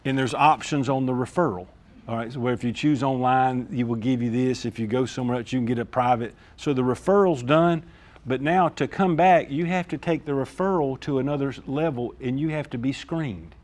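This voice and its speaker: A school district administrator walks a meeting through discipline procedures. He talks informally, keeps checking that people follow him, and speaks at a middling pitch. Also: steady tone, fairly quick, darkish tone. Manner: informal, repeats "all right?" to check understanding. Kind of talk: explaining procedures at a staff meeting.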